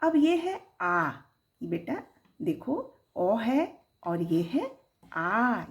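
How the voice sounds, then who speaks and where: Woman teacher for a children's lesson: slow and drawn-out, lively sing-song pitch, sounding out syllables. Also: creaky. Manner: sing-song, rising on the example words.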